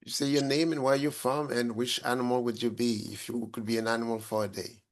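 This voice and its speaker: A man hosts an online group chat and keeps it moving, calling on each person in turn. He speaks in a brisk, practical way. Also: mid-range voice, level tone. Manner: brisk, calls on people by name. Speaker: group facilitator. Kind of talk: moderating a video call. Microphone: video call.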